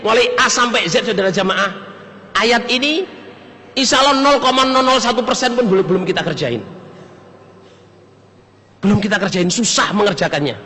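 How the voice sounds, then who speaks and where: An older man with a Javanese accent preaching a lively, joking sermon to a congregation. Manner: lively, jokes and leaps between high and low pitch. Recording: long hall reverb.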